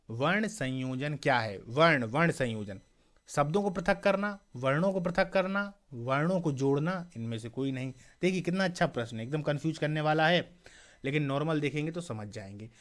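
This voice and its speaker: A man teaching a mock exam class, reading each question and its options aloud, repeating them, asking viewers for the answer and often checking "clear?". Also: a little high, fairly bright tone. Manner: checks understanding with a frequent "clear?"; addresses viewers as friends.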